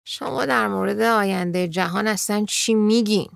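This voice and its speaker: A woman voicing a weary grown man who talks in a dry, mildly patronizing way, with a gravelly tone in a dry room. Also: mid-range voice, no room sound. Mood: wry. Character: weary grown man, older than the girl.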